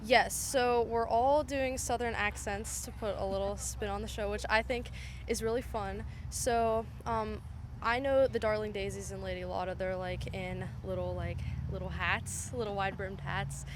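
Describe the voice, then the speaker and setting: A woman's voice: mid-range voice, steady tone, normal speed, a little hiss or hum. Chatty young woman cast member outdoors. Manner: chatty, uses 'like' often. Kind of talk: casual interview answers. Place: outdoor theatre stage.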